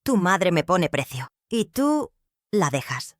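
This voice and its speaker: A woman voicing a young wife in a storybook drama, firm and quietly hurt. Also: on the low side, very animated, slow, dry recording, studio quality.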